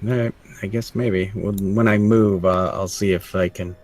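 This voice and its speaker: A man's voice: low-pitched, fairly even intonation, normal speed, darkish tone. A man playing a tabletop game with a groggy morning voice, hesitant and thinking aloud with fillers. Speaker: player.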